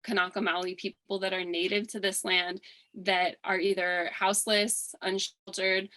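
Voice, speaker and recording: A woman from Hawaii answers a candidate forum's questions in an earnest, halting way, filling pauses and restarting her sentences. Her voice is bright and clear, and her pitch sits in the middle range. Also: flat delivery, low-quality recording. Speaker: political candidate.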